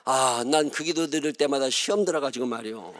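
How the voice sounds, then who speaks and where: Speaking at medium pitch with a somewhat bright tone and a fairly quick pace, a middle-aged pastor from Chungcheong province preaches a revival sermon in the church sanctuary. His Chungcheong Korean accent colors folksy, joking storytelling full of muttering and mimicry of others.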